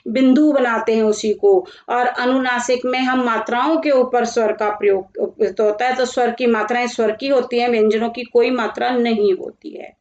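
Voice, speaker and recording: Woman teacher, slow and deliberate, pitched a little high, roomy and slightly dull recording. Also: fairly even intonation, darkish tone. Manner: slow, deliberate, spells out word lists one by one. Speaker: Hindi teacher. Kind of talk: classroom grammar lesson.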